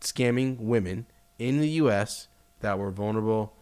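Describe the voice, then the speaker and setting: A man's voice: fairly low pitch, moderate pace, a little mellow, smooth. A man co-hosting a casual reaction chat, talking loosely, swearing and using lots of fillers. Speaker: podcast co-host.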